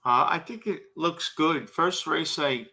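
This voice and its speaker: Male co-host, bright forceful voice, casual racing analysis. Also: a little high, measured pace. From Brooklyn, New York. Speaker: co-host, horse racing handicapper.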